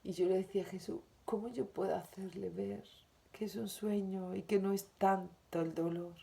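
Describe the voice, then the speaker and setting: Una mujer con acento de España que lee y comenta una lección espiritual diaria, con tono suave, sentido y reflexivo. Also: female voice, medium pitch, steady tone, moderate pace, gravelly, dark tone. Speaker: spiritual teacher. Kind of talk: reading and commenting on a daily spiritual lesson.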